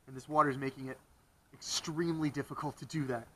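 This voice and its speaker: A man's voice: medium pitch, fairly even intonation, fast talker, lightly acted. A man acting a cocky, easygoing outdoorsman in a found-footage film, with a wry, naturalistic delivery. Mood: curious, wary. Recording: faintly noisy outdoor camera audio.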